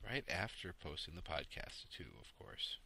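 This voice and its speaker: A man hosting a casual podcast, talking through his week in games in a relaxed, rambling, sleepy late-night way. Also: low voice, moderate pace, slightly rough. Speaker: podcast host. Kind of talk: casual solo podcast chat about games.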